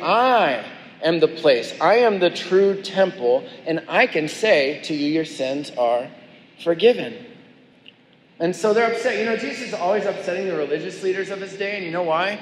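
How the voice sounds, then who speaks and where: Man preaching casually in a reverberant church. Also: fairly high pitch. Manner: relaxed, restarts and repeats words. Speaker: lead pastor. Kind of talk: conversational sermon with scripture reading. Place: church sanctuary. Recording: reverberant church hall, faint background noise.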